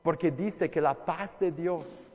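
A man preaching a conversational sermon as a pastor, asking listeners direct questions and dropping from loud emphasis to hushed, soft lines. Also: fairly high pitch, slow pace. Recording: long reverb of a large hall.

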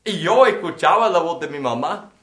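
A man delivers a sermon in a high, light voice, weaving a story from his childhood into the message. The sound rings around an echoey room. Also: lively intonation, normal speed, a bit bright. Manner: storytelling preacher, acts out quoted voices. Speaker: pastor.

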